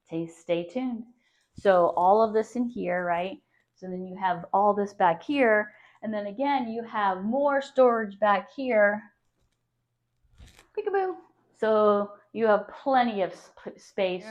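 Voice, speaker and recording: A woman with a mid-range voice works as a real estate agent, talking on the move through a house. She gushes in a chatty, casual sales manner, as in a walk-through video. The recording is slightly muffled and low in fidelity. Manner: gushing, chatty sales talk. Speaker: real estate agent giving a home tour. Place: indoors, walking through a house. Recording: dull, lo-fi sound.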